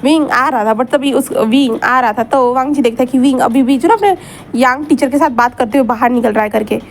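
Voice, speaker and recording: A woman's voice: sits high, brisk, a little hiss or hum. A woman narrating a fan story aloud in a chatty way, with repeats and asides to her listeners.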